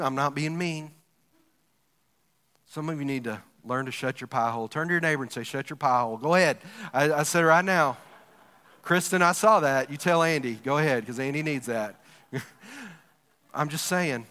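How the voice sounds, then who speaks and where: A male pastor preaching a lively, joking sermon and talking directly to the congregation in a church hall. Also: medium pitch. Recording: long reverb of a large hall.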